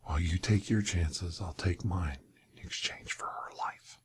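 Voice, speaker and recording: A man plays a sly interrogator in a whispered ASMR role-play. His voice is low and often drops to a whisper. He questions and bargains very slowly, as a coaxing, menacing time-travelling doctor. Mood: hushed, coaxing.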